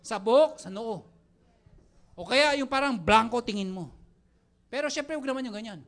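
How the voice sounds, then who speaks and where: A young man giving a lively motivational talk to a live audience, joking and quizzing the crowd as he mixes Tagalog and English. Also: very high voice, moderate pace. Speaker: mentor speaking to network marketing team.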